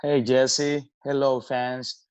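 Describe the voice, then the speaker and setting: A man, a baseball manager answering interview questions in halting speech, with many restarts and fillers. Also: medium pitch, flat delivery, a little mellow, clean tone, no room sound, dull audio. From Venezuela. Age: 30s.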